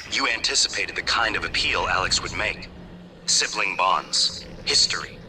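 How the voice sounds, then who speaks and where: An actor playing a tired male scientist who leaves a calm, measured recorded message in a video game. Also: low-pitched, noisy background. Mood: clinical. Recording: game audio over loud music.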